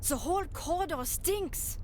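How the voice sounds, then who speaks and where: Very high, shrill complaining woman. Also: animated, measured pace, darkish tone, a little hiss or hum. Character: shrill, complaining female hotel guest. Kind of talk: video game character acting.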